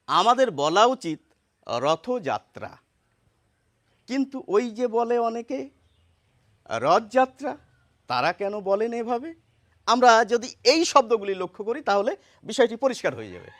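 A man giving a pronunciation lesson, slowly saying example words and contrasting them, and asking his listeners questions. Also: high voice. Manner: slow, deliberate, repeats example words in contrast; addresses listeners directly with questions. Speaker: Bengali pronunciation teacher.

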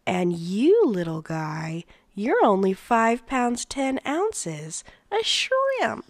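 A woman voicing a gentle male nurturer father who coos at newborns in a cheerful baby-talk voice. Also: a little high, huge pitch swings, extremely slow, no echo, voice pushed up, heavily acted. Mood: cooing.

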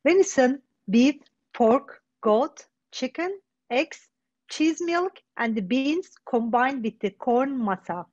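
High-voiced woman reading a presentation. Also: takes it slowly, darkish tone. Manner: careful, reading aloud. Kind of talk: read presentation. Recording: dull lo-fi sound.

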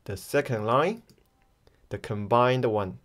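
Slow, encouraging man teaching pronunciation. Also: medium pitch, lively intonation, fairly bright tone. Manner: friendly and encouraging, addresses learners directly; non-native grammar. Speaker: Mandarin teacher. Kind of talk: slow online pronunciation lesson.

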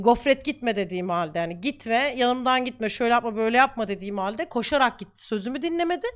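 A young woman streamer talking casually to her viewers, heated and ranting at times. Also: sits high. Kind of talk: casual chat.

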